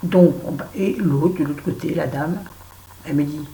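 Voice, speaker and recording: Low-voiced, blunt French-speaking woman vlogger. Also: moderate pace. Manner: chatty, blunt and self-mocking, with lively asides. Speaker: beauty vlogger. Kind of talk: casual chat to camera. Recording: echoey room with faint background noise.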